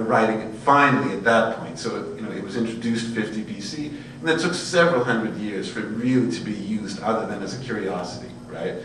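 Echoey, distant recording of a low-voiced male lecturer. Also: fairly bright tone. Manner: erudite, discursive, checks in often with "right?". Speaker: lecturer in Buddhist studies. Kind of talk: informal academic lecture. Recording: very echoey, distant microphone, faint hum and noise.

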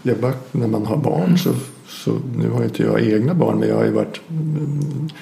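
A man's voice: mid-range voice, creaky, warm tone. A man talking reflectively in a conversation, thoughtful and hesitant, often restarting his sentences. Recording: echoey room with faint ambience.

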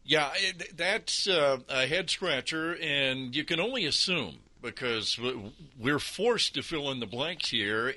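Very bright, sharp-voiced male radio co-host. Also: medium pitch. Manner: halting, pieces thoughts together aloud. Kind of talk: conversational news commentary.

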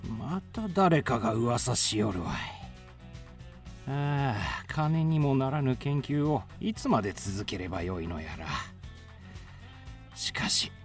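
A man's voice: a little high, darkish tone. A man voicing an eccentric old male inventor who mutters and chuckles to himself in old-fashioned speech.

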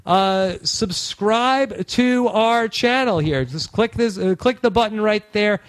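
A man's voice: high-pitched, slow pace, no echo. A man hosting a podcast in a casual, rambling way with lots of fillers. His voice is tired and he is close to losing it. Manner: rambling, many "uh" fillers and restarts. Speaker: podcast host.

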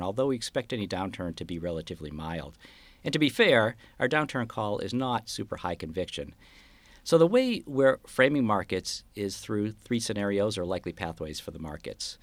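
A man giving analytical market outlook commentary in an interview, explaining his views in a measured way as a guest strategist. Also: deep voice, no echo.

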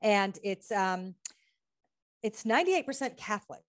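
A woman's voice: mid-range voice, very animated. Earnest woman rattling off questions. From United States. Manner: earnest, lists questions in rapid runs, laughs often. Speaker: guest, healing practitioner and author. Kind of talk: conversational interview.

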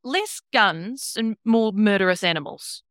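A woman's voice: mid-range voice, animated, measured pace, fairly bright tone, no room sound. A woman, a game master chatting wryly and laughing often. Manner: chatty, wry, self-deprecating, laughs often. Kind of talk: casual chat.

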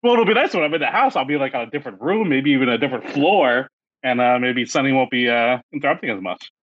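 A man's voice: mid-range voice, fast talker, dry recording, dull audio. A man co-hosting a casual podcast, talking in a loose, rambling way with plenty of fillers. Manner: animated, rambling with many fillers. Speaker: podcast co-host.

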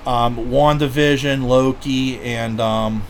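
A man hosting a casual podcast chat, talking in an excitable, profane way with plenty of fillers. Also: medium pitch, slow, slight background noise. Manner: excitable, profane fan talk with many fillers. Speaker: podcast host.

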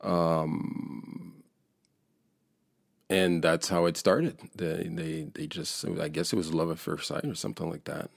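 A man's voice: low-pitched, steady tone, slow pace, vocal fry, dry recording, clean studio sound. A man in his forties from France, a painter being interviewed, talking in a hesitant, thoughtful way with many fillers. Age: 40s. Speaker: guest painter. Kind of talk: casual interview.

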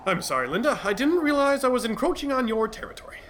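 A man's voice: sits high, very animated, normal speed, sharp tone, a little hiss or hum, heavily acted. A man playing the pompous Midnight Sleuth. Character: cowardly, pompous, scatterbrained male sleuth. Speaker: bumbling detective in a radio-drama parody. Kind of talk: 1940s radio acting.

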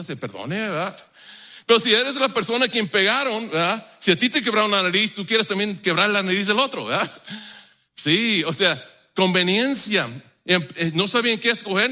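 Bright-voiced pastor preaching. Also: male voice, fairly high pitch. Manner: conversational preaching, frequent rhetorical questions. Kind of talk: sermon.

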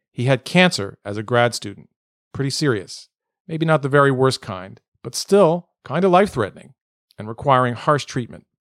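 With a mid-range, fairly bright voice, a man interviews a guest for his podcast from a hotel room over a Bluetooth headset mic. His questions come out hesitantly and often get restarted, and the recording is clean and studio-like with no echo.

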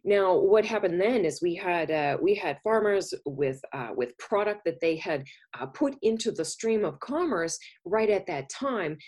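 A woman's voice: fairly low pitch, animated, a little slow, darkish tone. A woman from Minnesota hosting a podcast interview, chatty and conversational. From Minnesota, USA. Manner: chatty, with frequent fillers and restarts. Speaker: podcast host.

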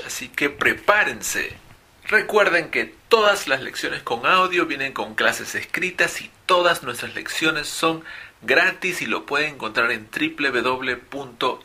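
A man teaching English pronunciation in a recorded lesson, modeling sounds slowly and clearly. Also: mid-range voice, pushed and bright.

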